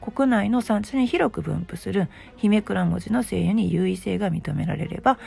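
大阪なまりのガラガラ声の女性. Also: female voice, mid-range voice, normal speed, a little mellow, soft background music. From Osaka, Japan. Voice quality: gravelly, hoarse morning voice. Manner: chatty, self-deprecating. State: just-woken morning hoarseness. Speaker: host, aromatherapy shop presenter. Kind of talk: casual solo talk show.

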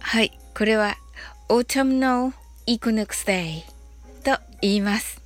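A woman with a somewhat high voice teaches English on an audio show, talking very slowly and politely, with plenty of fillers. She draws out English words for listeners to repeat. Faint music plays under her voice. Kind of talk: slow, friendly English lesson monologue.

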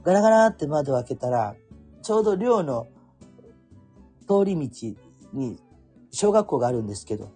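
Woman host, middle-aged, Chikugo accent, animated solo podcast storyteller with swooping pitch and low, mellow tone. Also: moderate pace, pauses often, husky, faint music behind. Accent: Chikugo dialect of Fukuoka. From Kurume, Fukuoka, Japan. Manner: chatty storyteller, acts out quoted voices, laughs often. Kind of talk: casual solo talk.

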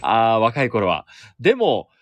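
A man's voice: lowish voice, wildly swooping pitch, a little slow, no echo. A sports announcer in his thirties hosting a solo podcast, chatting casually and self-deprecatingly about his work. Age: 30s. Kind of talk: casual solo radio-style chat.

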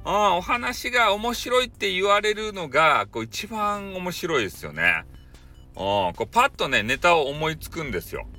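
A man's voice: high voice, big pitch swings, moderate pace, sharp tone, soft background music. A man with a Hakata dialect, chatting casually and jokingly as the host of a solo podcast. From Fukuoka, Japan. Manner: chatty, jokey, mixes dialect into polite speech.

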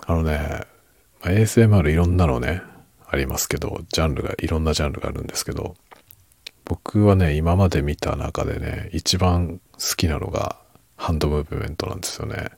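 Very deep, gravelly hushed man's murmur. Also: quick pace, dry recording, studio quality. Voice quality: husky, low murmur drifting into whisper. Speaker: podcast and ASMR creator. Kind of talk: hushed late-night casual chat for falling asleep.

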